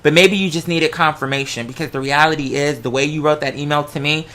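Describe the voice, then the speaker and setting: Speaking quickly in a steady, fairly bright mid-range voice, an American vlogger chats casually about relationships. Her advice is theatrical and playful with plenty of sass, peppered with "girl" and sudden bursts of song.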